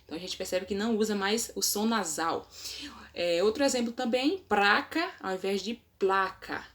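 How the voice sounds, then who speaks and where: A woman's voice: medium pitch, moderate pace. A woman giving a video lesson, explaining with many examples, tag questions and hesitant restarts. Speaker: teacher. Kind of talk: video lesson on Portuguese phonology.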